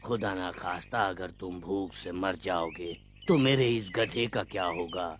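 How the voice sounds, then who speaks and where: A man's voice: deep voice, unhurried, a little hiss or hum. An actor dubbing a frail, fussy old man who rambles and repeats himself, recorded in a dubbing studio. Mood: fussing. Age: older. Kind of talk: Urdu film dubbing. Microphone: studio dubbing mic.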